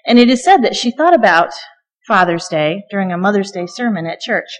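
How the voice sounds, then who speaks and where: In a church sanctuary with long hall reverb, a middle-aged guest preacher gives a conversational sermon, full of jokes and frequent ums. She speaks fairly quickly at a medium pitch with lively intonation.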